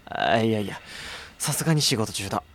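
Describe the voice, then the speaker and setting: A man plays a harried young courier in a radio drama, wry and irritable, mixing casual first-person narration with exasperated asides in a wry, pleased mood. His voice is on the low side and a bit bright, sing-song and fairly quick.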